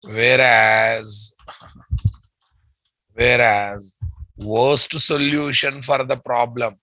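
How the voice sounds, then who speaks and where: A man's voice: mid-range voice, steady tone, drawn-out words, bright, forceful tone, dry recording, low-quality recording. A man with a Telugu Indian English accent teaching a live technical class, repeating phrases and quizzing listeners with checking questions. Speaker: software instructor. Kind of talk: live technical lecture with dictated notes.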